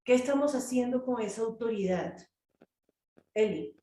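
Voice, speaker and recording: A woman's voice: a little high, moderate pace, roomy sound, recorded from a distance. A woman leading a group Bible study, speaking animatedly and acting out prayers and quotes. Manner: animated, acts out prayers and quotes in changing voices.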